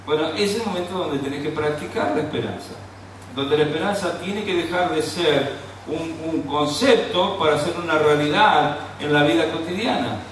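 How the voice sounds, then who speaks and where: A man with a Rioplatense Argentine accent preaches a sermon in a slightly high voice. He moves from quiet storytelling to fervent, raised exhortation. He is picked up from a distance in a very echoey church hall with faint background noise. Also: moderate pace.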